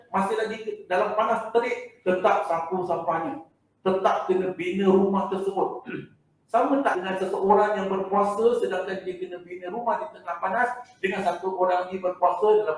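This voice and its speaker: High-voiced Malaysian preacher in echoey mosque. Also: male voice. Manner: lively, humorous, recites Arabic texts slowly. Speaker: religious lecturer. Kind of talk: mosque lecture. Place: mosque hall. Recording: very echoey hall, mic at a distance.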